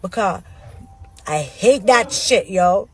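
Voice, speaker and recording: A woman's voice: medium pitch, animated, slow, darkish tone. A woman from Jamaica with a Jamaican accent, delivering a heated, swearing rant.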